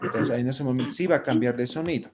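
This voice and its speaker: A male language teacher runs a live class, explaining step by step and constantly checking in with his students. His voice sits at an ordinary middle pitch. The recording carries a clear layer of background hiss. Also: racing. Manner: patient, checks understanding with constant tag questions.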